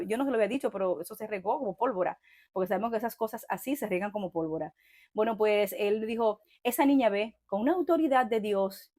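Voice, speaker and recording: A woman telling her conversion story with fervent conviction, often stopping to check in with her listener. When she reads scripture, she slows down and stresses each phrase. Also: mid-range voice, a little mellow. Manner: fervent, with frequent tag questions; reads scripture slowly and emphatically. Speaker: church member giving testimony. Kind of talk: personal faith testimony.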